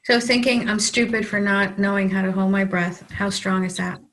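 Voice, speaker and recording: Woman, tapping practitioner, calm steady prompts, mid-pitched voice. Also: moderate pace. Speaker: EFT practitioner. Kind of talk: guided tapping session, leading phrases to repeat.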